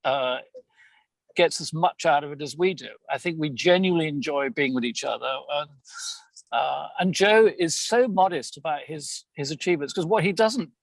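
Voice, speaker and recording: A man who is the lead voice actor of an audio theater show chats effusively as a podcast guest, riding as a passenger in a moving car and often repeating words. His voice is a little high and creaky, at a normal speed, with no room sound.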